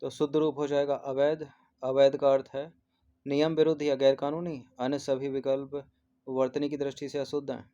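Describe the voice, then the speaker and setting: Guy teaching spelling for an exam, flat monotone, warm dark voice, keeps repeating each word. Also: mid-range voice, moderate pace, highs cut off. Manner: mixes English numbers and terms into Hindi. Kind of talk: exam test-series answer walkthrough.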